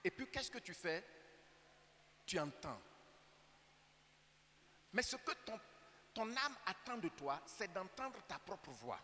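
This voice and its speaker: A man's voice: high-pitched, sing-song, slow, long pauses, sharp tone. A man with an Ivorian French accent preaching a sermon as pastor, emphatic and full of rhetorical questions to the congregation. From Côte d'Ivoire. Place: church sanctuary. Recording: church hall reverb with faint hum.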